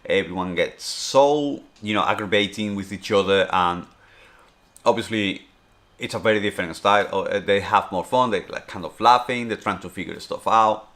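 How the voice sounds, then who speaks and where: Speaking at normal speed, a man from Spain in his 30s loosely answers questions in a streamer's casual Q&A. His voice is deep and low yet slightly bright, with a Spanish accent, and he wanders off, returns to points, and leans on "obviously" and "you know".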